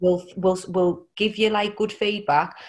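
A woman's voice: medium pitch, steady tone, unhurried. A woman hosting a casual interview, talking in an encouraging, blunt, informal way. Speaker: podcast host.

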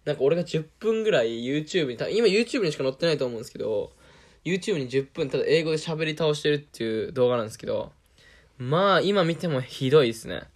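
A man's voice: on the high side, animated, fast talker. A young man with a Kansai Japanese accent, talking in a casual, self-deprecating monologue and laughing often.

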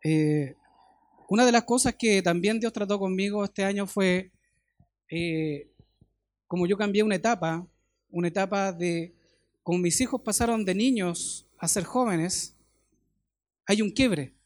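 A Chilean man preaches in a conversational style, using homely anecdotes and questions that check in with his audience. His voice is high, his pace measured, and he pauses often during the sermon.

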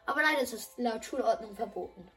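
A woman's voice: a little high, lively intonation, fast talker, fairly bright tone, breathy edge, full character voice. A woman voicing a polite, formal male school principal in a game dub, with slight stumbles. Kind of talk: dubbing game dialogue.

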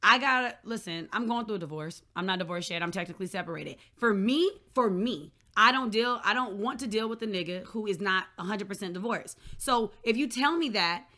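A woman's voice: medium pitch, expressive, a little fast, hardly any pauses, pushed and bright. A woman in her early thirties co-hosting a casual podcast, giving frank dating advice and acting out quoted lines. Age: early 30s. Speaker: podcast co-host.

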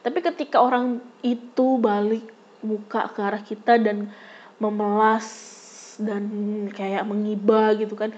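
A young woman telling a casual personal story, lively and quick to jump up when she acts out a quarrel. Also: muffled recording. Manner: animated, jumps high when acting out arguments.

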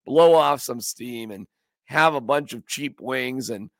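A man's voice: mid-range voice, takes it slowly, no room sound, clean studio sound. A man hosting a casual sports podcast, joking and rambling as he chats with his co-host. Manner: joking, rambling, does silly voices.

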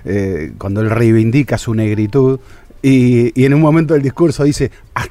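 A man asking reflective interview questions, measured and hesitant with many fillers. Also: mid-range voice, dark tone.

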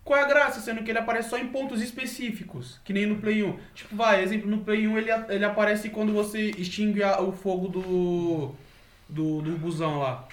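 A man's voice: sits high, steady tone, a little fast. A young man with a Brazilian accent telling stories casually and animatedly, with slang and swearing. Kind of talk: casual chat. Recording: echoey room.

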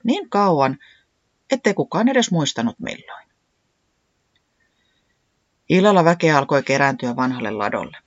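A storyteller reading a children's story aloud with lively expression. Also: medium pitch, husky, no room sound, dull audio. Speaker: narrator. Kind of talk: children's audiobook narration.

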